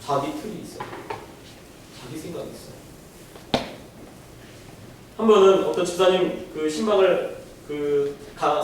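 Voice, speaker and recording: High-voiced pastor preaching in an echoey hall. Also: male voice. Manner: storytelling, rhetorical questions, animated. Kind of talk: sermon. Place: church sanctuary. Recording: echoey hall, distant mic, faint noise.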